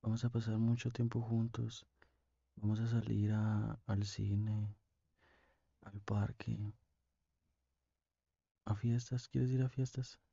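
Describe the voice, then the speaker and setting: A young man with a Mexican accent playing a tender, lovesick boyfriend on a call in an ASMR role-play, speaking intimately with pauses. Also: lowish voice, level tone, creaky, dark tone, no echo, muffled recording, heavily acted. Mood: longing. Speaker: ASMR performer.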